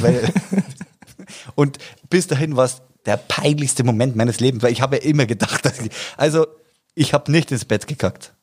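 A young man tells a funny story among friends, breaking into laughter and restarting his sentences. His pitch rises and falls a lot, and his voice is a little husky. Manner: laughs often, restarts, animated. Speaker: storyteller in group chat. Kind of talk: casual chat, telling a funny story.

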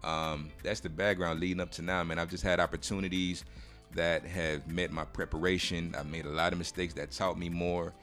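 A man's voice: low-pitched, little pitch movement, a little fast, a bit bright, faint music behind. A man from Cameroon, a videographer guest on a podcast, talking about his background in a laid-back, reflective way. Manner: laid-back, reflective, frequent "you know what I'm saying". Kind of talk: casual chat.

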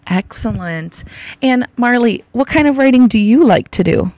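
A woman with a raspy, gravelly voice, hoarse from laryngitis, hosting a podcast and gently prompting young guests with simple, encouraging questions. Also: a little high, lively intonation, normal speed, no echo. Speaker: podcast host, school teacher or librarian. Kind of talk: friendly podcast interview with children.

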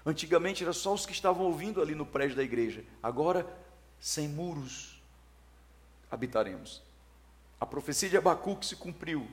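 A pastor in his forties preaching a sermon, moving between loud emphatic declarations and quiet, soft-spoken asides. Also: fairly high pitch, lively intonation, normal speed.

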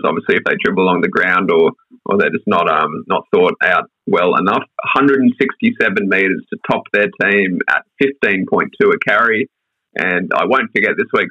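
A lowish-pitched Australian man co-hosts a sports chat. He is slangy and matey as he rattles through player stats. The sound is close and dry, a little dull and lo-fi. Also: no room sound. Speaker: rugby league podcast host. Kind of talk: casual sports discussion with stat rundowns.

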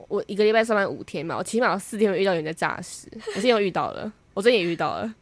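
Lively young woman, dry sound. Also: mid-range voice, rapid-fire, dry recording. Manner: animated, exasperated complaining. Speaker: podcast co-host. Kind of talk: casual chat.

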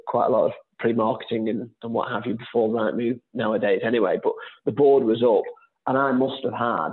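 A man guesting on a podcast talks about his work as an estate agent. He rambles in a chatty way at a middle pitch. His voice comes through a narrow, tinny, phone-like line. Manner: chatty, rambling, with frequent fillers and restarts. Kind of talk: casual podcast conversation. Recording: phone-like remote call audio.

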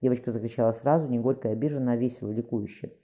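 A man reading an audiobook aloud, quick and even, with small slips. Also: mid-range voice. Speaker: audiobook reader. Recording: muffled lo-fi recording.

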